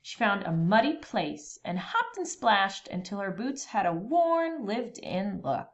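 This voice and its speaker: A woman reading a children's storybook aloud expressively, with dramatic, deliberate pauses between phrases. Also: mid-range voice, big pitch swings, dull audio.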